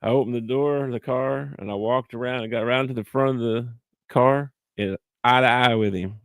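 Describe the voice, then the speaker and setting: A man co-hosting a podcast, telling animated stories in casual chat and laughing often as he talks. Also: mid-range voice, normal speed, clear, resonant tone, dry recording. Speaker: podcast co-host.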